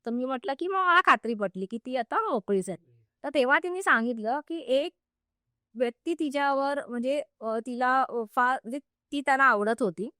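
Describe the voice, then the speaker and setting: A woman's voice: sits high, bright, forceful tone, no room sound, studio quality. A woman spiritual teacher telling a story in a podcast interview, vivid and acting out what people said. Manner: vivid, acts out quoted speech.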